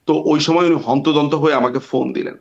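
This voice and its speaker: A man's voice: on the high side, steady tone, quick pace, vocal fry, darkish tone. A man, a barrister guest on an interview show, telling a long story with hesitations and reenacted dialogue. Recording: dull lo-fi sound.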